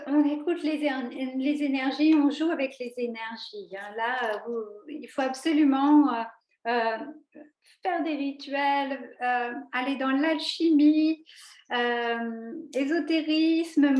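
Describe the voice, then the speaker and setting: A woman giving a casual tarot reading, rambling with many fillers and restarts. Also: high-pitched. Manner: chatty, talks to her cat in a cooing voice. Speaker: tarot reader. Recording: echoey room.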